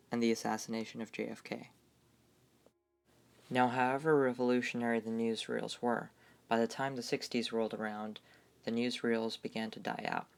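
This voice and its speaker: A man reading scripted documentary narration in a measured, even, gravelly voice. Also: mid-range voice.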